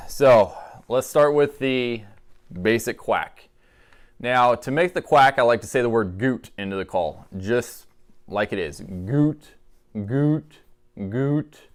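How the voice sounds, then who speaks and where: A man giving a casual, folksy instructional demonstration in a clear voice, as a calling instructor. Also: medium pitch.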